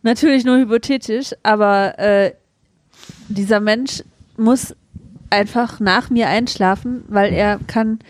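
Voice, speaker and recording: A woman's voice: mid-range voice, fairly even intonation, slow, a little hiss or hum. A woman co-hosting a podcast in casual banter, teasing and playfully exasperated. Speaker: podcast co-host.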